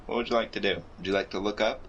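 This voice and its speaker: A man narrating as game master of a tabletop game, halting often with uhs. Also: lowish voice, fairly even intonation, a bit bright, lo-fi sound, slight background noise.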